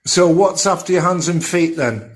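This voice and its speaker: A man's voice: a little high, moderate pace. A father chatting casually at home with his family, teasing and joking.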